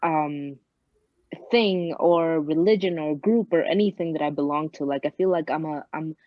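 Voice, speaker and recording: A woman's voice: sits low, normal speed, dry recording, dull audio. A young woman from Bangladesh who grew up in New York City, a guest talking thoughtfully, with frequent hesitations. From Bangladesh, raised in New York City. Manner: reflective, hesitant with many fillers. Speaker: guest, actress. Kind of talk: podcast interview.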